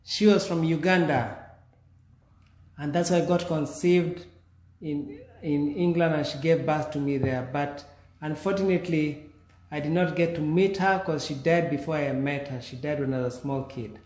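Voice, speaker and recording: A man in his forties from Kenya tells his life story in a slightly raised voice, speaking slowly and pausing to restart his sentences. He is recorded in an echoey room. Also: a little high, a little mellow. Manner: slow, measured, with pauses and restarts. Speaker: guest.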